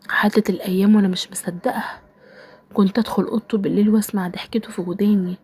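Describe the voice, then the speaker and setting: A woman with an Egyptian Arabic accent telling a first-person dramatic story in a soft, sorrowful, often half-whispered way. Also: mid-range voice, breathy edge.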